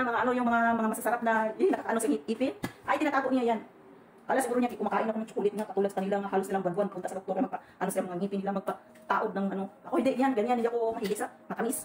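A woman's voice: on the high side, a little mellow. A Filipina woman, rambling and venting in a casual vlog while cooking in a kitchen. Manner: rambling, venting, quick chatty talk with laughs. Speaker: overseas domestic worker vlogger. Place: kitchen indoors. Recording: echoey room, faint background noise.

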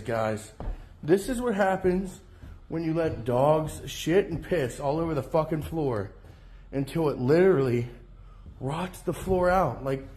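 A man narrating his own phone videos inside abandoned houses, crude and excitable, swearing constantly. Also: a little high, a little hiss or hum. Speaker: social media creator. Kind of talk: profane vlog narration over phone clips.

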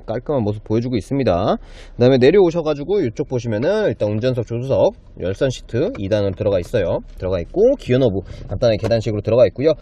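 Man, thirties, used car salesman patter, polite and enthusiastic, casual walkaround presenting, mid-pitched, very varied intonation. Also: dark tone. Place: inside a car and in an underground car park.

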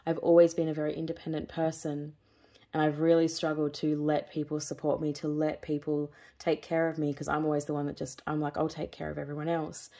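Low, flat-voiced woman reading tarot. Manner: slow, soothing, repetitive phrasing. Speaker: tarot reader. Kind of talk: spiritual tarot reading monologue.

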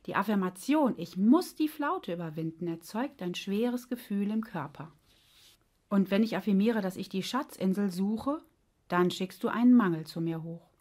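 A woman voicing a wise, patient heart that explains things gently and sometimes grumbles. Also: mid-range voice, animated, moderate pace, lightly acted.

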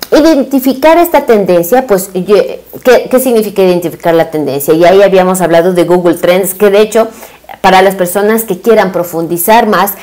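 A woman's voice: medium pitch, a little mellow. A woman, giving a marketing webinar over a video call, explaining with fillers and rhetorical questions. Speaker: business and marketing consultant. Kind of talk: webinar presentation. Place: indoor room, small webcam inset.

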